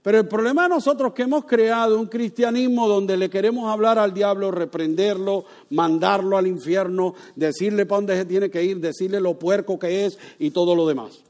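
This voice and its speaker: A man preaching a sermon, moving between loud emphatic lines and hushed ones, asking his listeners questions and acting out voices. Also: high-pitched, steady tone, normal speed, few pauses. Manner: asks the congregation questions, acts out voices. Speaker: pastor.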